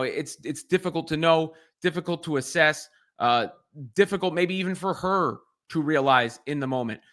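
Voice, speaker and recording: Bright, high-voiced male sports commentator. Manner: earnest, repeats and restarts phrases while thinking. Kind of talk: solo sports reaction commentary.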